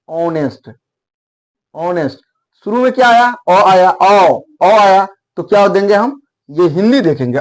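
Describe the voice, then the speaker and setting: High-voiced man teaching English grammar. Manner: repetitive, emphatic teaching, spells out letters. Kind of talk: explaining grammar in Hindi, writing on a board.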